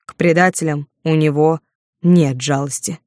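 A stern, unforgiving apostle who speaks with cold severity, as a woman narrator reads him. Her low, dark voice stays close and dry. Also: steady tone, moderate pace, no room sound, lightly acted.

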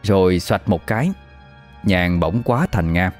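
A man narrating a ghost story in an expressive, animated way. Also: sits low, a little slow. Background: faint music.

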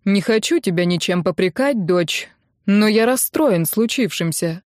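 A woman voicing a sad, reproachful father who speaks slowly and sorrowfully. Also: medium pitch, lively intonation, no room sound, studio quality, close to an everyday voice.

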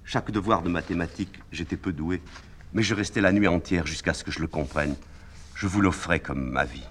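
A man's voice: low voice, a little fast, fairly bright tone, slight background noise. A man voicing a very young lieutenant who speaks fervently and with devotion, read from a stage play. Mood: devoted. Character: earnest, adoring very young male lieutenant.

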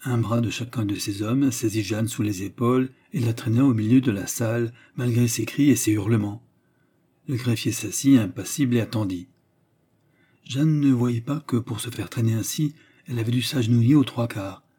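A man narrating a classic novel as an audiobook in a steady, even reading. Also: mid-range voice, moderate pace, husky. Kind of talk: scripted literary narration.

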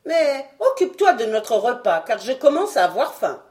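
A woman's voice: a little high, big pitch swings, normal speed, a little mellow, pitched above the performer's own voice. A woman reading an audiobook, voicing a stern, irritable old male scientist who scolds emphatically. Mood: firm.

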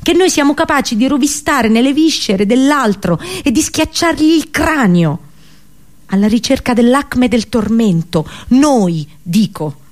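An actress delivers a solemn radio theatre monologue as a captive Trojan princess and prophetess, grave and sorrowful, in literary, declamatory phrasing. Her fairly high female voice is animated yet measured, and her mood is anguished and bitter.

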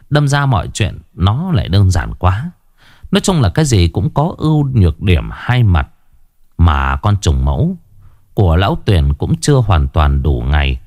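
A man narrating a horror story in a dramatic, lively storytelling manner. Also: lowish voice, dry recording, clean studio sound.

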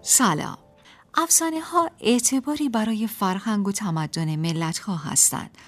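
A woman narrating a folk tale for a radio program, in a lively storyteller's manner. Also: medium pitch, soft background music.

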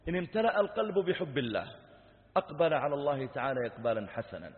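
A man from Saudi Arabia preaching with growing passion, reciting verse and telling a story, his voice rising almost to shouts. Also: a little high, animated, fast talker. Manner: impassioned, rising to near shouts. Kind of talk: sermon with recited poetry and a story. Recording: tinny echoey lecture hall recording.

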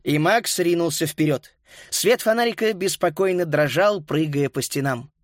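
A man narrating a children's story as an audiobook, lively and voicing each child. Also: fairly high pitch, moderate pace, no echo, studio quality.

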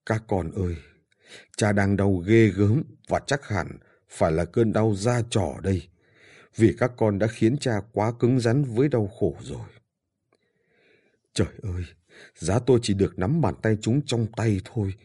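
A man reading as a frail old father on his deathbed, in pain and speaking weakly. His voice is deep, dark and husky, and it pleads for the daughters he misses. The character comes from an audiobook. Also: expressive, unhurried. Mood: pained, yearning. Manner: weak, pained, pleading.

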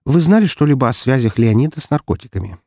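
A man's voice: mid-range voice, animated, fast talker, gravelly, darkish tone, dry recording, studio quality, pitched above the performer's own voice. A man voicing an emotional young woman lawyer in an audiobook, speaking in a raised, agitated voice. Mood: questioning. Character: sharp young female defense lawyer, emotional.

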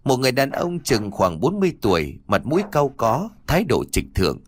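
Expressive male audiobook narrator. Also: medium pitch, a little fast, slight background noise. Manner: expressive storytelling. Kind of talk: ghost story audiobook narration.

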